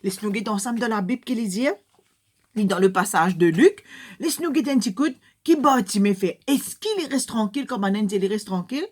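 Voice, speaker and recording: An older woman with a Mauritian Creole accent, telling a Bible story to children, animated, dropping to hushed whispery asides and rising to loud calls. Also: mid-range voice, a little fast.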